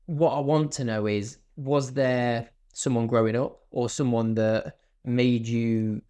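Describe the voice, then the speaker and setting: A man's voice: medium pitch, fairly even intonation, slow, mellow, clear, resonant tone. A man hosting a podcast, asking curious questions and sharing his own experiences in casual conversation. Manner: curious, affirming listener. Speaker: podcast host.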